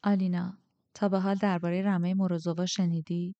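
Woman reading as a calm, quietly dangerous man, measured storybook voice, dry close mic. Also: fairly low pitch, dry recording, muffled recording, natural voice. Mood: tense.

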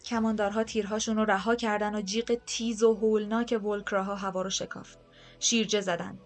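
Woman narrating an audiobook over soft music. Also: medium pitch. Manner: measured, steady, softly dramatic reading. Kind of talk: first-person audiobook narration.

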